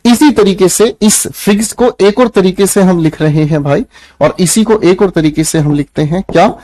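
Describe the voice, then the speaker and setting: Here a young Indian man with a high, mellow voice teaches English grammar in Hindi during an online lecture, talking at normal speed. He calls the students "beta," puts questions to the class, and comes across firm and preachy. The recording is dry.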